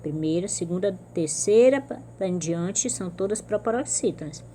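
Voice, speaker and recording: A woman's voice: fairly low pitch, lively intonation, normal speed, warm tone, slight background noise. A woman teacher with a Brazilian Portuguese accent, giving a recorded remote lesson to young pupils and patiently explaining step by step. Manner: patient, explains step by step, stresses syllables in example words. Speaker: primary school teacher.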